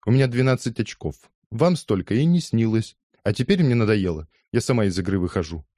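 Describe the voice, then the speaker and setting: A man voicing a brash, cheeky young working girl who argues and bosses others with quick comebacks. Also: lowish voice, lively intonation, mellow, no room sound, studio quality, voice pushed up. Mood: cocky. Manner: bossy, quarrelsome, quick comebacks.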